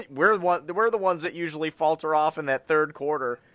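A man's voice: a little high, expressive, moderate pace, fairly bright tone, dry recording. A man hosting a sports podcast in casual chat, with a blunt, slangy, sweary way of talking. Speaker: podcast host.

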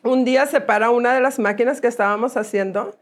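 A middle-aged Mexican woman speaking as an interview guest. Her voice sits fairly high for a woman, and she tells her story in an animated way, acting out the voices of the people in it. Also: fast. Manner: animated, acts out quoted voices. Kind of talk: conversational storytelling.

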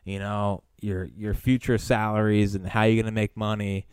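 A man's voice: lowish voice, flat delivery, moderate pace, darkish tone, clean tone, no room sound. A man chatting casually as a sports talk podcast host, with a teasing, needling way of talking.

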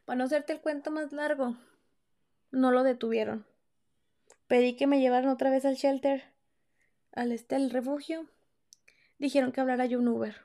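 Young mexican woman podcasting, high voice with lots of fry, swears a lot and talks super casual. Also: steady tone, moderate pace, long pauses, mellow. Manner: candid, slangy and profane, acts out quoted lines. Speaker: podcast host. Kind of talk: casual storytelling chat.

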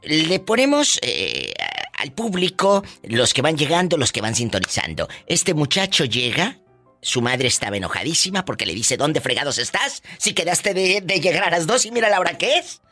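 A man's voice: on the high side, very animated, moderate pace, pushed and bright, soft background music. A man hosting a call-in radio show, teasing and dramatic. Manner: theatrical, gasps and teasing exclamations. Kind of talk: playful radio call-in banter.

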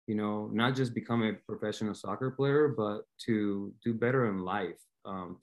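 A man in his thirties from Argentina, a team owner and guest, talking eagerly and earnestly with many restarts. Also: fairly low pitch. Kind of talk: casual interview talk.

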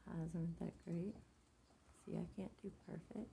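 Mother, casual heart-to-heart, warm encouragement, a touch of vocal fry, faint background hiss. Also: on the low side, steady tone, moderate pace. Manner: gentle and encouraging; earnest, speaks of faith and prayer. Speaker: mother talking with her son.

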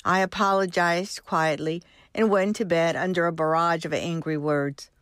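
Cuban lady in her 60s reading her memoir, lowish voice, dry close sound. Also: steady tone, moderate pace, a bit bright, no echo. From Cuba. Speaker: host and storyteller.

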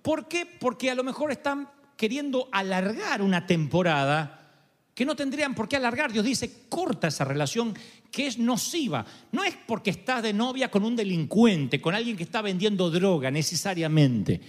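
Animated high-voiced preaching man. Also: moderate pace, in a large hall. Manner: emphatic preaching with dramatic pitch swings. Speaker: pastor. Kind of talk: sermon.

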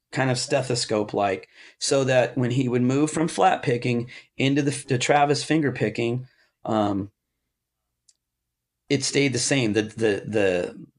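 Man, interview guest, mid pitch, rambles and restarts, lively when quoting others. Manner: rambling, with many restarts and asides. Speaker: interview guest, amp builder. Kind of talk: casual storytelling interview.

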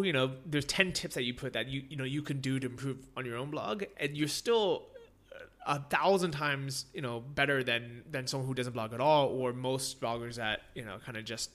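A man's voice: mid-range voice, normal speed. An American man hosting a casual interview, talking in a rambling way with many fillers and frequent laughs. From United States. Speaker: podcast host.

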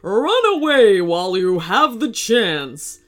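A woman's voice: mid-range voice, big pitch swings, slow. A woman voicing a big, boastful male dragon who bellows threats. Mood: menacing. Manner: loud, blustering threats.

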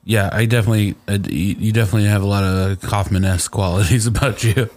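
A man's voice: on the low side, fairly even intonation, quick pace, darkish tone. A man hosting a podcast, asking curious, easygoing questions in casual interview chat. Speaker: podcast host.

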